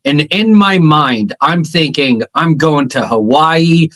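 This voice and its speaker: A podcast co-host tells his own army memory, stopping and restarting as he goes. His voice sits a little high for a man, in a relaxed, conversational delivery. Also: takes it slowly. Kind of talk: casual podcast chat.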